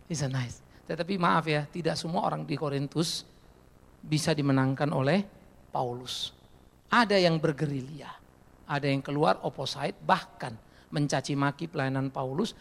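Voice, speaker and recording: A middle-aged man preaching a sermon as pastor, animated and folksy, mixing in English phrases and swinging between loud and soft. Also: fairly high pitch, creaky, long reverb tail. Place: church.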